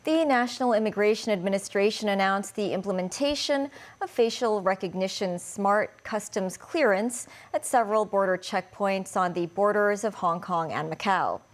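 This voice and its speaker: A female news anchor reading the news in a formal, even way. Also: mid-range voice, moderate pace, hardly any pauses.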